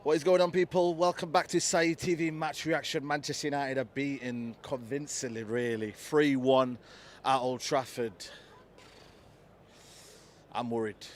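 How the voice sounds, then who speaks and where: A man's voice: mid-range voice, steady tone, unhurried. A man hosting a match reaction video, talking candidly and subdued to his viewers. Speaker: football YouTuber.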